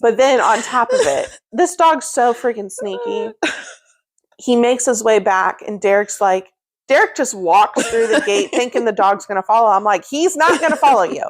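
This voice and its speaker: Lively woman telling a comic story. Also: normal speed. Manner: animated, acts out quoted lines with big pitch jumps; frequent laughter while talking. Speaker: podcast co-host.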